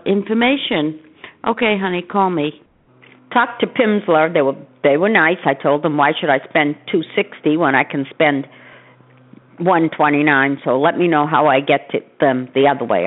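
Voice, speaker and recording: A woman's voice: very deep voice, no echo. An older woman leaving casual, rambling phone messages as a mother to her grown child, conversational and scattered, often trailing into half-finished thoughts. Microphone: telephone. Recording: muffled narrow-band phone voicemail.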